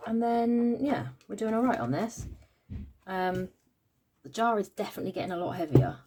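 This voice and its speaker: A woman's voice: mid-range voice, lively intonation, normal speed, noisy background. A British woman in a casual budgeting vlog, tired and yawning, counting money aloud with many "um" fillers. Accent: British English. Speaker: budgeting vlogger. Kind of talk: casual cash-stuffing vlog chat.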